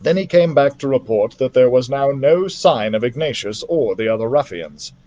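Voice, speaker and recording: As a story-time host, a man reads a children's adventure novel aloud with an animated, theatrical delivery. His voice sits in the mid-range and moves at a normal speed.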